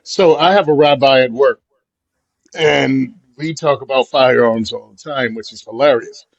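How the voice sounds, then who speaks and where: A man's voice: mid-range voice, moderate pace, gravelly, dry recording, highs cut off. A man co-hosting a podcast, talking bluntly and emphatically, sometimes thinking aloud with a little laugh. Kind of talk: casual podcast chat.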